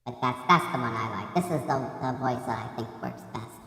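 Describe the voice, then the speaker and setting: Man through a high voice changer. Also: fairly quick, pushed and bright, husky. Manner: playful, trying out a gadget. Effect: cheap voice changer pitching the voice up. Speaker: host of a live YouTube advice show. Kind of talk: joking live-stream chat.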